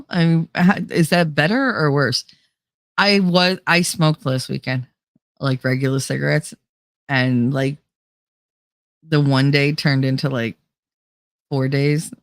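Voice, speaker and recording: A young adult woman hosts a livestream, rambling and chatting casually while reading live comments, laughing often. Her voice sits low and sounds a little nasal from a cold. She's close to a desk microphone, and there's no room sound.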